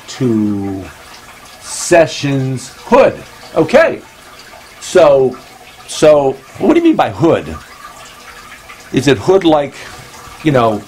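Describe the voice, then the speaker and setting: Slow, rambling man hosting a comedy show. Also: on the high side, a little mellow, rough recording. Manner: rambling, meandering delivery. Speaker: host. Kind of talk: comedic monologue. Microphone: phone.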